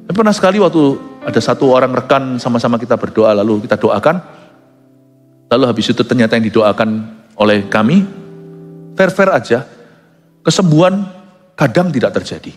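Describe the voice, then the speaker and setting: A male pastor preaching emphatically, mixing English phrases into his sermon and swinging from low asides to loud high peaks. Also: animated, brisk, long pauses. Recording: long hall reverb with soft music behind.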